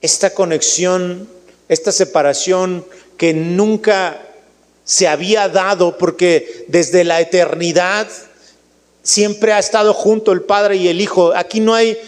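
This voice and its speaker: Mexican pastor guy preaching, high voice, long church echo. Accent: Mexican Spanish. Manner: preaching with many restarts, addresses the congregation as family. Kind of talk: sermon.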